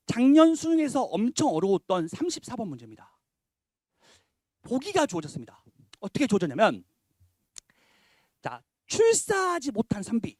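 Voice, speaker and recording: Lively, emphatic male Korean teacher. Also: extremely high pitch, no room sound, clean studio sound. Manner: rhetorical questions, defines terms step by step; animated, emphatic lecturing. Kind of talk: exam prep briefing for parents.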